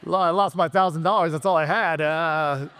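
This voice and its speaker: A man's voice: on the high side, fairly even intonation, normal speed, a bit bright, clear, resonant tone, a faint crowd. A man hosting an interview, asking short questions in a casual way. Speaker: host.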